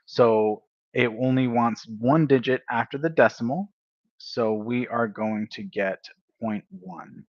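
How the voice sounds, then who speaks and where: A man livestreaming a casual coding study session, thinking aloud, correcting himself and filling pauses as he works through examples. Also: mid-range voice, no echo, dull audio. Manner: unhurried, thinks aloud, self-correcting with fillers.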